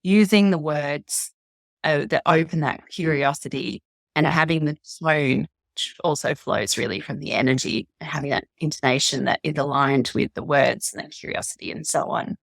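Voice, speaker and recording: A woman hosts the interview and asks careful, reflective questions. Her voice is low for a woman. The recording is dry, with no room echo. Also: vocal fry. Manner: thoughtful, measured, reflective. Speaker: podcast host.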